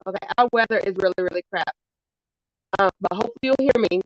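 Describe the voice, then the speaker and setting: A woman's voice: medium pitch, fast talker, no room sound. A woman calling in to a livestream for a casual chat, her call audio breaking up and crackling. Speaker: caller on a livestream. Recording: dull lo-fi call audio, dry, faint music behind.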